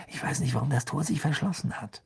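A man's voice: a little high, fast, creaky, a little mellow, breathy edge, heavily acted. A man voicing an anxious young boy wizard. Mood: worried.

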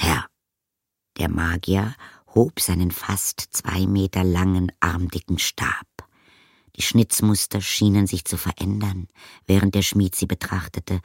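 Man narrating a story, very low, husky, slow, dry studio sound. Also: fairly even intonation, no room sound. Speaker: audiobook narrator. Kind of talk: scripted narration.

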